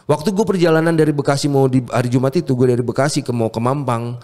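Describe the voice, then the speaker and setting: With a medium-pitched voice and a quick pace, a male music producer tells a story about his faith in relaxed conversation. His delivery is passionate and lively, and English words keep slipping into his slang.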